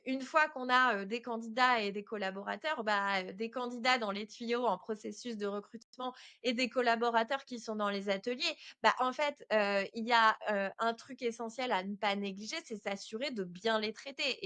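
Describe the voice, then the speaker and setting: A woman's voice: fairly high pitch, moderate pace, hardly any pauses, pushed and bright, no echo. A woman hosting a podcast, giving direct, chatty advice straight to the listener. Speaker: podcast host. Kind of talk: casual solo podcast advice.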